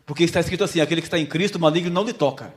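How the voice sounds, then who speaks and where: A man preaches to his congregation, acting out a story and throwing questions at the listeners. His voice sits somewhat high for a man. It rings out with a long reverb from the church hall. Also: rapid-fire. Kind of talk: sermon with a volunteer illustration.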